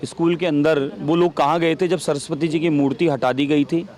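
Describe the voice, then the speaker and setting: A man's voice: a little high, fairly even intonation, moderate pace, darkish tone. A man giving a heated interview as a legislator, combative, repeating rhetorical questions.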